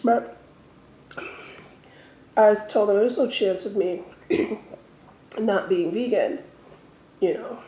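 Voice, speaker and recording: A woman telling stories casually as an eating-show host, talking in short phrases with pauses. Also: mid-range voice, warm tone. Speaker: mukbang host. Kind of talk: casual storytelling while eating. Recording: roomy, echoey indoor sound.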